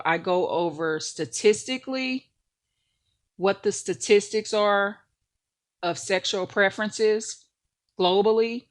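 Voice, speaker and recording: A woman hosting a ministry channel, preaching a monologue to the camera and repeating phrases for emphasis. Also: mid-range voice.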